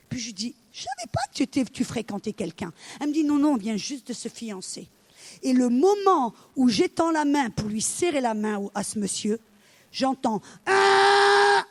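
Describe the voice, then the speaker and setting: A woman in middle age delivers a sermon in a high voice. She tells her stories with energy and plays out the dialogue herself. She speaks straight to her congregation. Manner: animated storytelling, acting out dialogue. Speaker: preacher.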